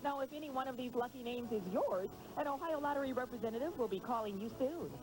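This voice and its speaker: A woman's voice: high voice, fast talker. A woman co-hosting a TV game show, reading scripted announcements. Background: music.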